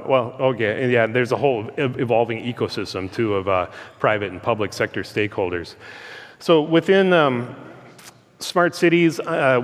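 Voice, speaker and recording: A man giving an informal public presentation through loud speakers, speaking in a halting, conversational way as a guest speaker. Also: medium pitch. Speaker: guest speaker, transportation engineer. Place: large room, speaking through a PA system. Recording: hall reverb, amplified through loudspeakers.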